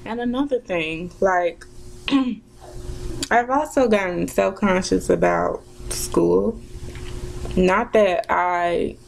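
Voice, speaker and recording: A woman's voice: medium pitch, extremely slow, creaky, long pauses, a little hiss or hum, poor audio. A woman in her twenties chatting casually while doing her makeup, reflective and full of fillers and restarts. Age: 20s. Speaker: vlogger. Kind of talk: casual chat during a makeup tutorial.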